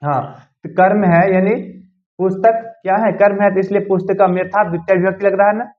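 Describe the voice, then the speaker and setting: A male teacher with a fairly high voice works through a grammar lesson one step at a time. He keeps pausing to ask his students whether it is clear. The recording sounds dull and lo-fi. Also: fairly even intonation. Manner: explains step by step and keeps checking if students follow.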